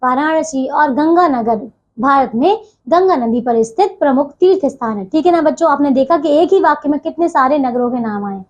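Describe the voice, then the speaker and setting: High-voiced woman teaching children grammar. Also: animated, normal speed, a little mellow, lo-fi sound. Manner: patient, repeats "theek hai bachchon" constantly. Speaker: school Hindi teacher. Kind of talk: online grammar lesson for children.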